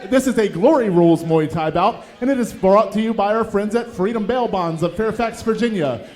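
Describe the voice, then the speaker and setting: High-pitched man as boxing ring announcer. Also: a little mellow. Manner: booming, stretches out fighters' names. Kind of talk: boxing ring announcer introductions, formal and drawn-out.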